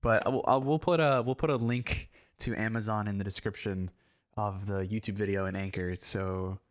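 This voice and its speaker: A woman's voice: a bass voice, fairly even intonation, moderate pace. A woman co-hosting a podcast in casual chat, explaining words with many fillers. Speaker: podcast co-host. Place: living in Japan.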